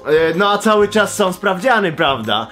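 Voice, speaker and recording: Young man, high voice, sarcastic and crude, comedic vlog, music playing behind. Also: big pitch swings, moderate pace, bright, forceful tone. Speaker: YouTuber answering viewer questions.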